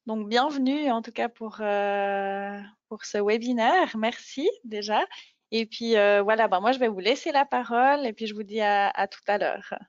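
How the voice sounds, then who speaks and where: A woman's voice: a little high, normal speed, no room sound. A woman hosting a webinar with an informal live introduction, speaking hesitantly and loosely. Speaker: webinar host. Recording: dry, slightly dull webinar audio.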